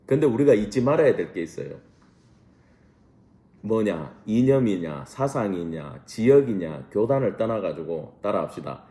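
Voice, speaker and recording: A man's voice: fairly low pitch, very animated, moderate pace, dark tone, reverberant. A man, a pastor, teaching a Bible study class in a church room, asking rhetorical questions and mixing casual and polite speech.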